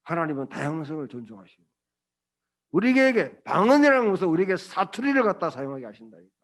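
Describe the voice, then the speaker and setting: A man's voice: a little high, sing-song, fast. A male pastor preaching a Sunday sermon, emphatic and colloquial, with blunt asides and rhetorical questions to the congregation.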